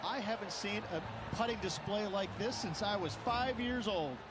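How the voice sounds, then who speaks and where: A man's voice: high-pitched, moderate pace, very noisy, natural voice. A man as a golf commentator and analyst in a video game, explaining play emphatically.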